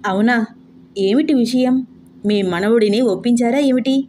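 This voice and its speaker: A woman's voice: fairly high pitch, moderate pace, dark tone, a little hiss or hum, lightly acted. A woman voicing a cheerful, clever young woman who talks politely and playfully.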